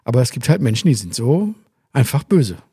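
A man's voice: mid-range voice, sing-song, fairly quick, dark tone, slightly rough, dry recording, clean studio sound. A man co-hosting a podcast in casual chat, ranting and swearing as he tells a story and acts out what others said. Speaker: podcast co-host.

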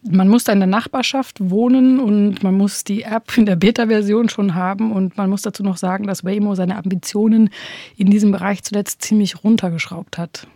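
Woman, podcast host, measured studio presenting, dry close sound. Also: medium pitch, steady tone, dark tone, no echo. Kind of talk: podcast talk.

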